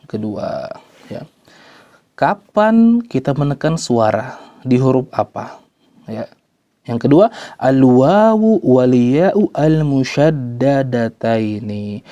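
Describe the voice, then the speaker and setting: A man's voice: mid-range voice, warm tone, no room sound, highs cut off. A man teaching Quran recitation rules, speaking patiently, repeating words and drawing out the example words he recites. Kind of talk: tajwid lesson.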